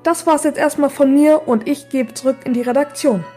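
A woman's voice: high-pitched, fairly quick, warm tone, soft background music. A woman hosting a school podcast, presenting in an enthusiastic, upbeat way. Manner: enthusiastic, recommending to listeners. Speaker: school podcast host and reporter.

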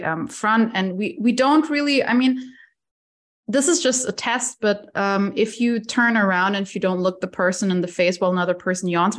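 A woman life coach speaking as a guest in a casual interview, animated and laughing often. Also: mid-range voice.

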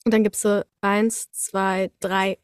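Talking slowly and smoothly at a medium pitch, a female voice actor being interviewed describes her work in casual conversation. She tells animated stories, acting out small moments with little sound words, and the studio-quality recording has no room sound.

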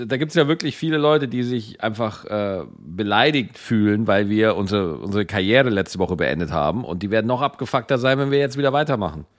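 A man co-hosting a casual podcast from home, animated and quick to swear, hamming up his bits. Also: lowish voice. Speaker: podcast co-host. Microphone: podcast microphone.

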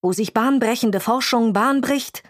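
A woman reading a storybook voices a sharp, self-assured woman chemist with a clipped, accusing manner. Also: a little high, measured pace, no echo, clean studio sound, voice pushed up, lightly acted. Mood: brisk.

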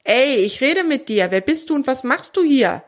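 A woman voicing a cheeky, eager young male squirrel in a children's audio story, talking quickly and excitedly. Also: fairly high pitch, heavily acted. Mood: skeptical.

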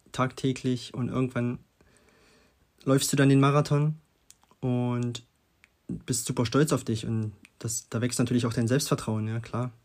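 Young male podcast host, casual self-help chat, mid-pitched, loose and filler-heavy delivery. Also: a little mellow. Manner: loose and chatty, many fillers, frequent tag questions.

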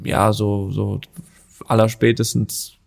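A man's voice: on the low side, flat delivery, slow pace, vocal fry. A man co-hosting a casual podcast, rambling and teasing his co-host with lots of restarts. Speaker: professional footballer.

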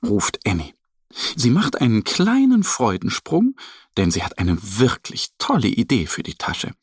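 A man narrating a children's story in a very expressive, sing-song storytelling manner. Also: mid-range voice, normal speed, slightly rough, dry recording, clean studio sound.

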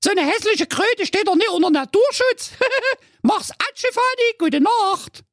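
A man voicing a spoiled, rude young princess in a squeaky falsetto, for a comic fairy-tale parody reading. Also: animated, unhurried, fairly bright tone, dry recording, studio quality, heavily acted. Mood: snippy. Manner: shrill squeaky falsetto, snippy and scornful.

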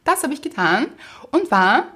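A woman tells a story on a podcast in a relaxed, chatty way. Her voice sits fairly high, and she laughs often as she talks. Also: moderate pace. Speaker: podcast co-host. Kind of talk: casual chat.

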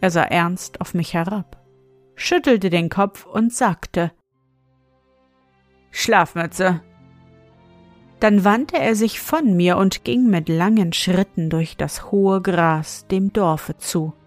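Female storyteller, slow measured fairy-tale reading, faint music behind. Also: fairly low pitch, no echo.

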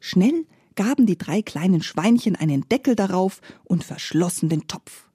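A woman narrating a fairy tale in a slow, gentle and expressive way, close to the mic. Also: fairly low pitch, slightly rough, no room sound. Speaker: storyteller.

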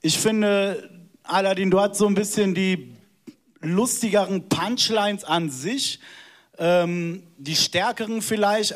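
A man judging a rap battle live, giving his verdict casually with hesitant fillers. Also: high voice. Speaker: judge.

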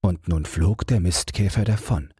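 A man narrating a fairy tale as a calm bedtime audiobook, measured and expressive. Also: low-pitched, breathy edge, no echo, studio quality.

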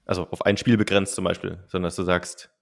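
A man co-hosting a podcast, thinking aloud in measured casual discussion. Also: deep voice, little pitch movement, creaky. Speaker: podcast co-host.

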